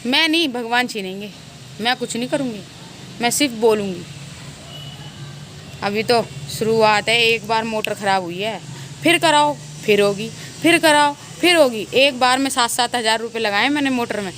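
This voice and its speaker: A woman's voice: on the high side, normal speed, fairly bright tone, a little hiss or hum. A woman vlogging to her viewers outdoors, gloating and laughing often as she talks. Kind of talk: casual vlog monologue. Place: outdoors, open weather around.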